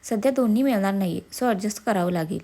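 A woman's voice: medium pitch, fast, mellow, natural voice. A woman voicing an irritable, overworked young husband in a storybook reading. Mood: irritated. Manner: curt, exasperated, then coaxing.

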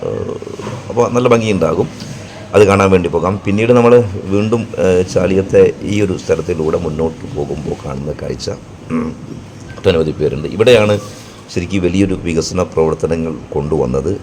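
A man with a Kerala Malayali accent narrating a casual travel vlog in halting, repetitive phrases. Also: low-pitched, darkish tone. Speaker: vlogger and narrator. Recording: clear background noise, outdoor ambience.

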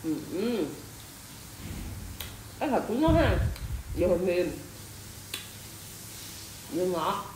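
A woman's voice: fairly low pitch, big pitch swings, takes it slowly, pauses often, darkish tone, a little hiss or hum. A woman talking while chewing, chatting casually and raving about the food in an eating vlog. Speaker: mukbang vlogger. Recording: echoey room with faint ambience.

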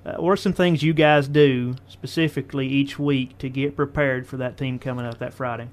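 A man's voice: mid-range voice, steady tone, normal speed. A man hosts a hometown sports radio segment. He asks his guest about the game in a folksy, leading way, steering each question toward the answer he expects. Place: radio studio.

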